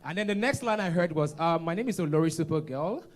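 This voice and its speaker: A man co-hosting a conference on stage, telling stories with lively acted-out voices. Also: a little high, quick pace. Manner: animated storyteller, acts out voices. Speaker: conference co-host. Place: conference stage before an audience.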